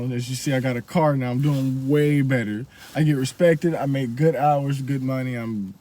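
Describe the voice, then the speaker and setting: A man's voice: on the high side, a little mellow. A young man casually recounting a story about an old job, blunt and profane. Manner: blunt, profane, laid-back retelling. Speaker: storyteller vlogger.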